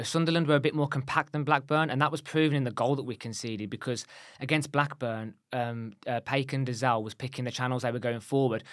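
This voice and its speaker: A man gives quick, emphatic match opinions. He talks fast into a desk mic, and the room sound is dry and close. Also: mid-range voice, a bit bright, no room sound. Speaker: football podcast co-host. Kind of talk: casual post-match chat. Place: small studio with club shirts on the walls. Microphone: desk mic on a boom arm.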